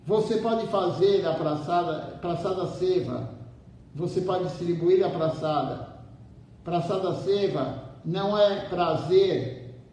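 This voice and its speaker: A man's voice: slow, a little mellow. A man giving a devotional sermon in a temple. He urges his listeners and repeats key phrases over and over. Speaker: temple speaker. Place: temple hall. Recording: echoey temple room from far off, faint rumble.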